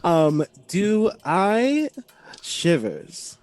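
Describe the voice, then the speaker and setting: A man's voice: high-pitched, huge pitch swings, extremely slow, darkish tone. A man playing a tabletop game, hesitant and giggly as he asks questions. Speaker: player.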